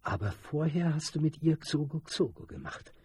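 A man's voice: fairly high pitch, expressive, normal speed, darkish tone, husky, no echo, pitched above the performer's own voice. A man voicing an angry street boy who leads a gang, speaking urgently and commandingly. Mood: furious.

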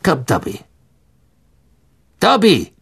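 An audiobook reader voicing a cold, arrogant aristocratic wizard man who speaks in a low, hissing and contemptuous way. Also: huge pitch swings, a little fast, vocal fry, fairly bright tone, breathy edge, exaggerated voice. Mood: snapping. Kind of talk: audiobook reading.

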